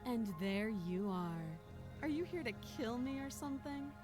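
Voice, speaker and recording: A woman's voice: fairly high pitch, animated, measured pace, music in the background. A woman playing a chained princess in a video game, coldly commanding, mocking and menacing. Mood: cool, probing.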